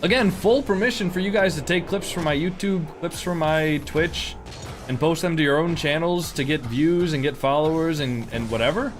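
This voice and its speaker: A man's voice: a little high, normal speed, faint music behind. A young man streaming a game, chatting casually in a rambling way full of fillers and restarts. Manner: rambling, filler-heavy, indignant. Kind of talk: casual live-stream chat.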